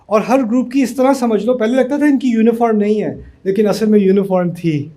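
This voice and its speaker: A man's voice: sits high, dark tone. A middle-aged man from Pakistan giving a conversational motivational talk to university students, telling stories and mixing in English words. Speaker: speaker addressing university students.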